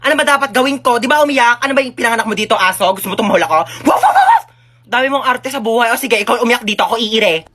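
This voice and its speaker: Sarcastic newborn baby, comedy voice-over, a woman putting it on; fast and breathy. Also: a little high, huge pitch swings, fairly bright tone, exaggerated voice. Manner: sarcastic, rapid griping. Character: sassy newborn baby girl, complaining.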